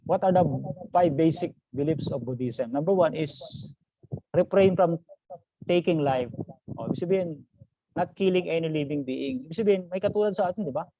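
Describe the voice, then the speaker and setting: Pastor lecturing a class over a video call. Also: male voice, on the high side, normal speed, mellow. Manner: mixes English phrases into Tagalog, poses questions to the class; calls listeners brothers and sisters. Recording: dull lo-fi video call audio.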